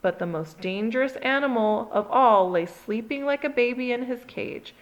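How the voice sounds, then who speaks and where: A woman reading a children's picture book aloud in an expressive, sing-song read-along style. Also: fairly high pitch, normal speed, lo-fi sound. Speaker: storybook reader.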